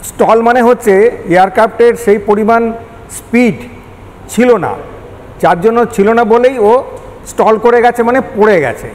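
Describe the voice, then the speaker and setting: His voice is very high yet darkish, and he keeps a measured pace. The older Kolkata Bengali expert, once an air traffic control manager, breaks down his news interview answers step by step with English technical terms mixed in. Background noise and echo from a hall are audible.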